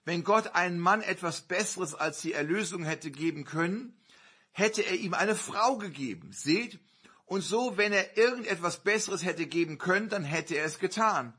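A man preaching a sermon, telling a personal story earnestly with sudden loud surges. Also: high voice, moderate pace, breathy edge.

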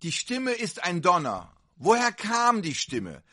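A man preaching a fervent sermon to a congregation, with sudden loud outbursts. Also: sits high, wildly swooping pitch, takes it slowly.

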